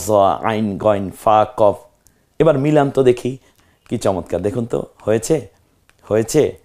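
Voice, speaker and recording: A man's voice: medium pitch, darkish tone. A man with a Bangladeshi accent teaching the Arabic alphabet, patiently drilling letter names and coaxing the learner. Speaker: Quran teacher.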